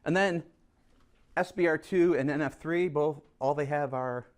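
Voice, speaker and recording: A man's voice: fairly high pitch, unhurried. A man teaching a chemistry class, coaxing and teasing students as he goes over review problems. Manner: lively, teasing, coaxes students to answer. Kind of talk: classroom lesson.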